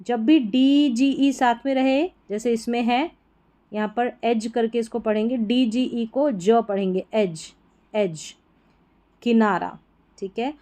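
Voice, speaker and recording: A woman's voice: on the high side, unhurried, mellow. A young woman teaching English reading, who reads a story word by word and explains each word's pronunciation in Hindi. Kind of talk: slow word-by-word reading lesson.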